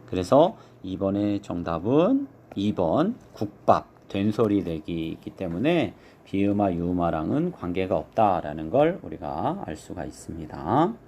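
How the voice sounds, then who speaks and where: A male teacher walks through an exam review, explaining each point step by step. His pitch moves lively up and down as he slowly sounds out example words. A faint hiss sits behind the voice.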